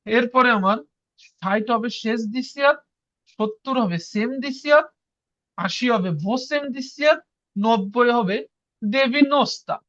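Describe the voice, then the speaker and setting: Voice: mid-range voice, measured pace, long pauses, fairly bright tone, no room sound, dull audio. A teacher giving an online language class, patiently repeating each word and drilling the learners to say it back.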